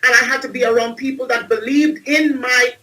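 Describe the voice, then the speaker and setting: Woman, bright voice, emphatic storytelling, repeats phrases, video call. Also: high-pitched, fairly even intonation, a little fast, recorded from a distance, poor audio. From Trinidad and Tobago. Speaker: guest, entrepreneur and speaker. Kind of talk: interview storytelling.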